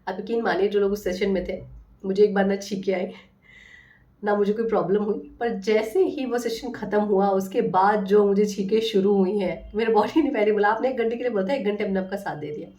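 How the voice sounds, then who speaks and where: A woman healing coach talking casually to viewers in a soft, affectionate and earnest way. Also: mid-range voice, fairly quick, recorded from a distance. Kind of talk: casual motivational talk to viewers.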